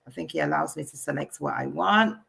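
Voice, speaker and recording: A woman coaching entrepreneurs on AI over a video call, talking in a halting way with many fillers and restarts. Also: sits low, animated, creaky, a bit bright, slightly rough.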